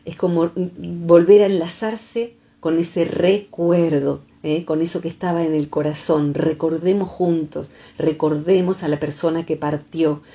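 A woman with a low, warm voice talks things through slowly and reflectively. She calls in to a radio show, and the line sounds dull and muffled. Her speech is gentle, and she explains with everyday examples. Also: fairly even intonation. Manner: reflective, uses images and examples. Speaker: psychologist guest. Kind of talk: calm explanatory radio talk.

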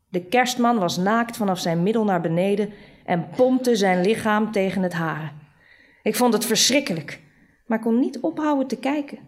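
A woman reading a literary short story aloud in a measured, dry storytelling manner. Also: on the high side. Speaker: reader.

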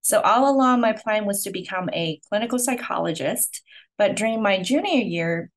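A woman in her forties from Hong Kong, a podcast guest telling her career story with earnest, steady answers and frequent pauses. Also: medium pitch. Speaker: podcast guest, clinic owner. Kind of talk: conversational interview answers.

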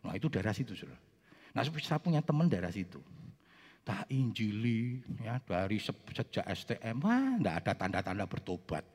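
A man with a Javanese accent preaching a sermon, telling a personal story with animated asides to the congregation. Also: lowish voice, a little fast, breathy edge. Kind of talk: sermon testimony. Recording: long reverb of a large hall.

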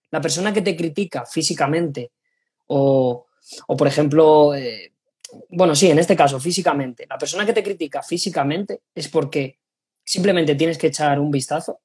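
A man's voice: a little high, a little mellow, slightly rough. A man hosting a podcast, talking in a reflective way and explaining his point with examples. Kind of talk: casual podcast conversation.

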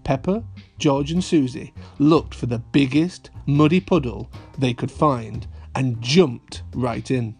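A man's voice: mid-range voice, takes it slowly, a little mellow, breathy edge. A man narrating a children's story like a kids show host, cheerily addressing young listeners, with guitar music behind him.

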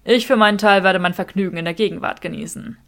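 A woman reading a smug, flirtatious wizard man who teases his rival, in a slow, drawling manner. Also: medium pitch, a bit bright, natural voice.

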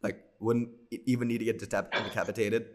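A man's voice: on the low side, flat delivery, fast. A man co-hosting a casual podcast, joking sarcastically and laughing often. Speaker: podcast co-host. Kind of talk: casual chat.

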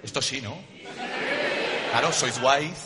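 Slangy stand-up comic, live crowd. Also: male voice, mid-range voice, takes it slowly, very noisy. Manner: slangy, banters with the audience. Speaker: stand-up comedian. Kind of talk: stand-up comedy monologue. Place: live comedy stage before an audience. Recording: live show with loud crowd laughter.

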